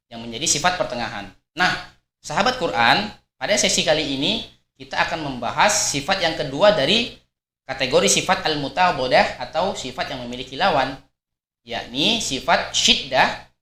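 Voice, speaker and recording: A man's voice: medium pitch, sharp tone. A man teaching a Quran recitation lesson. He explains patiently, repeats his points, and models each sound aloud. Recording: echoey room.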